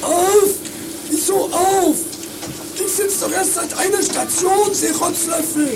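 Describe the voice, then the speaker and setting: A man's voice: very high-pitched, fairly even intonation, slow pace, noisy background, full character voice. A man playing a cantankerous, hard-of-hearing old man in a comedy sketch, scolding querulously and repeating himself. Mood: indignant, scolding.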